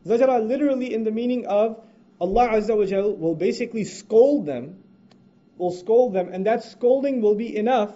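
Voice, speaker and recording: A man teaching the Quran, explaining Arabic grammar in English and reciting verses quickly. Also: sits high, warm tone. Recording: dull lo-fi recording.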